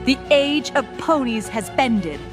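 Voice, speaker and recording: A woman's voice: high-pitched, expressive. A woman voicing a regal, scheming insect-like changeling queen in a fantasy audio story, grandiose and menacing. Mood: menacing, exultant. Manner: slow, grandiose, deliberate monologuing. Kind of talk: dramatic audio story acting. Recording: music behind the voice.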